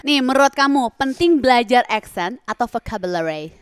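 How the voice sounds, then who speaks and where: A woman hosting a casual podcast interview, talking in an animated, exclamatory way. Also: fairly high pitch, normal speed, smooth, dry recording, clean studio sound. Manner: animated, exclamatory, acts out quotes. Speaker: podcast host. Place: podcast studio.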